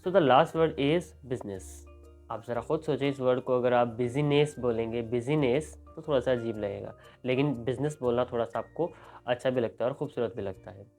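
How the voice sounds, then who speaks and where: Man teaching, soft music behind. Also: mid-range voice, moderate pace. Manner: mixes Hindi-Urdu with English, spells out letters. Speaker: English teacher. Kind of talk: explanatory video lesson.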